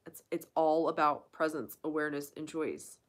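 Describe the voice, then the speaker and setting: A woman's voice: sits low, normal speed. A woman hosting a casual live question-and-answer chat, speaking bluntly and emphatically with frequent swearing. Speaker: channel host.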